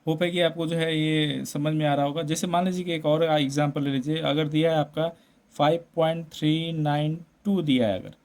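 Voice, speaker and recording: A man's voice: fairly high pitch, fairly even intonation, moderate pace, a little mellow. A man teaching a maths lesson, explaining step by step, mixing English number words into Hindi and often checking in with tag questions. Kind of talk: classroom-style maths lesson.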